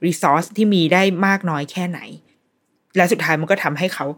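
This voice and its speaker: Woman, podcast host, casual chat, slightly low voice, animated retelling. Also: normal speed, husky. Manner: chatty, animated retelling with fillers and restarts. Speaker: podcast host reviewing a series. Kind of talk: casual solo review.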